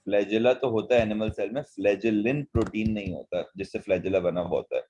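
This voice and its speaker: A man's voice: lowish voice, brisk, warm tone, breathy edge, highs cut off. A man teaching biology, patiently walking students through past-paper questions in mixed Hindi and English. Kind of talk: online past-paper lesson.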